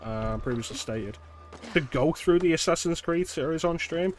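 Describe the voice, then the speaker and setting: A man's voice: a little high, lively intonation, normal speed. A man streaming a video game, giving casual live commentary as he plays.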